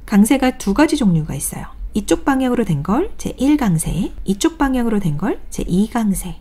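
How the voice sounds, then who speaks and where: A woman's voice: mid-range voice, dark tone, breathy edge. A woman teaching English pronunciation in a recorded online lecture, patiently reading examples aloud for the class to follow.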